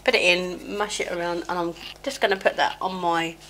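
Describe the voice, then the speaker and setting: Recorded roughly with slight background noise, this middle-aged beauty vlogger speaks on the low side, fairly quickly, with fairly even intonation and a somewhat bright tone, slightly chesty from a cold. Doing her makeup at home, she keeps up a rambling get-ready-with-me chat that is chatty, scattered, self-mocking, and filler-heavy. A small mic clipped near her is sometimes covered.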